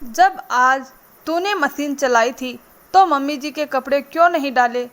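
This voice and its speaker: A woman's voice: sits high, measured pace, a bit bright. A woman voicing a harried, irritable elder daughter-in-law in a spoken storybook. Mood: irritated. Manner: irritable, defensive.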